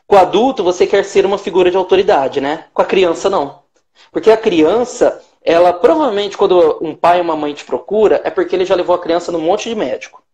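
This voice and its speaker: A Brazilian man with a notably high-pitched voice talks through his practice in a live-stream interview. He explains step by step with emphasis, now and then acting out short quoted remarks. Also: fairly quick, darkish tone, dull audio. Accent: Brazilian Portuguese. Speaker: hypnotherapist guest.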